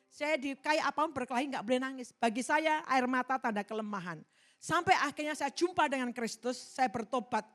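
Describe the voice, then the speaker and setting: A middle-aged woman pastor preaching from the pulpit in a large church, her voice a little high for a woman. She presses her points hard, then drops to quiet asides. Faint music plays behind her. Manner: emphatic, swings from loud exhortation to soft asides. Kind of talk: sermon.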